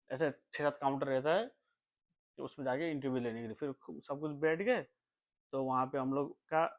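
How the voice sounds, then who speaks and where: A young man from Nepal telling a long, rambling story in a casual vlog, repeating himself and dropping his voice when he quotes others. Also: on the high side. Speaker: vlogger. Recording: tinny phone-like sound.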